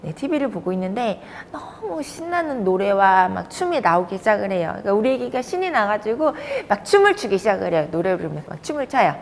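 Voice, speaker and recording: A woman counselor lectures to fathers and tells her stories with plenty of emphasis. Her voice swoops up and down a lot. It echoes off a room, and a faint rumble sits underneath. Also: a little fast, vocal fry, hardly any pauses. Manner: warm storytelling with lively emphasis. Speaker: child development counselor.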